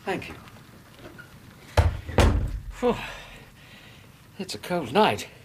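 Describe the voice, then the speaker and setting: An actor playing a genial, admiring Victorian doctor in a British radio drama, with an English accent and a hearty, gentlemanly manner. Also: male voice, a little high, very animated, very slow, slight background noise, exaggerated voice. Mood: mild, friendly. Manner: hearty, good-humoured, gentlemanly.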